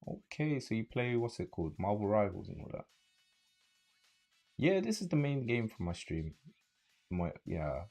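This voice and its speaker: Young male streamer, London accent, low husky voice, rambling chat, faint music behind. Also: normal speed, long pauses. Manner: relaxed, rambling, many fillers and restarts. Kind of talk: casual livestream chat with viewers.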